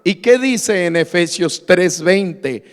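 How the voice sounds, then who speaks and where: High-pitched man preaching in a reverberant hall. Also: expressive, slow pace, clean tone. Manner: call-and-response preaching, asks the congregation and answers himself. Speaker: pastor. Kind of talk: sermon.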